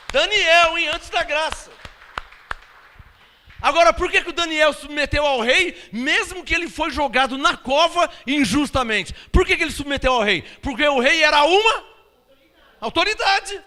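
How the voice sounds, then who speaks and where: A man's voice: very high voice, sharp tone. A man preaching a sermon, emphatic and full of rhetorical questions to his congregation. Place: church hall. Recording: long church-hall reverb.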